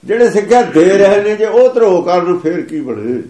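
A man's voice: sits high, big pitch swings, normal speed, dark tone, roomy sound. A man giving a sermon that explains scripture, repeating and chanting its lines with emphasis. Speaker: religious preacher.

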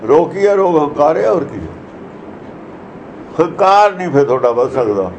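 High-pitched guy preaching, lecturing and firing off rhetorical questions, faint background hum. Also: very animated, normal speed, dull audio. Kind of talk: religious discourse expounding verses.

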